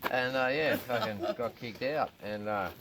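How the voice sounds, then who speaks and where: An Australian stand-up comedian tells crude stories to a small live audience outdoors on a farm, swearing freely and laughing at his own jokes. His voice is medium-pitched at a normal speed, with background noise.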